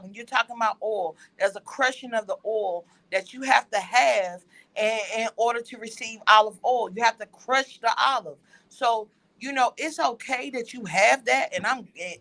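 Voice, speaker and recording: A woman's voice: a little high, vocal fry, a bit bright. A woman in an informal panel discussion, pressing her opinion in an insistent, colloquial, moralizing way. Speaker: panel participant.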